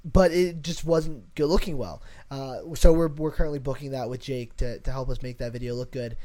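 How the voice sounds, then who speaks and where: A man's voice: medium pitch, fairly even intonation, fairly quick, warm tone. A man co-hosting a casual podcast, talking loosely with many fillers and restarts. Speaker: podcast co-host. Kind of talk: casual chat.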